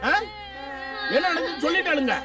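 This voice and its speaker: An actress plays an exasperated older woman who scolds rapidly in a high voice. She is heard from a distance, with loud music playing underneath. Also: lightly acted. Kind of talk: film dialogue.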